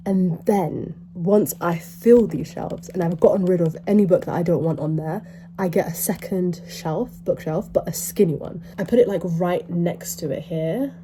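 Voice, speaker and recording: A woman's voice: on the low side, mellow, a little hiss or hum. A young woman with a blocked nose and short breath, chatting casually in a vlog at home by her bookshelf, rambling and upbeat with lots of "like". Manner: rambling, upbeat, fills speech with "like". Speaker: book vlogger.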